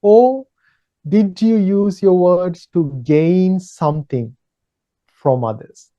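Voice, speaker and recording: Male monk giving a gentle, measured talk; slightly high, unhurried, muffled recording. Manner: gentle, repetitive, pausing with fillers. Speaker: Buddhist monk teaching. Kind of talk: slow, measured dharma talk.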